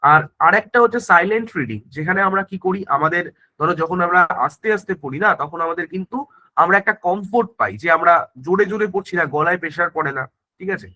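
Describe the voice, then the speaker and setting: A male teacher talks the class through exam prep, his voice high-pitched and ringing bright. he keeps checking that everyone follows, throws in tag questions and often stops to restart a word. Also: fast, rough recording. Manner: frequent self-corrections and restarts. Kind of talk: online exam-prep grammar lesson.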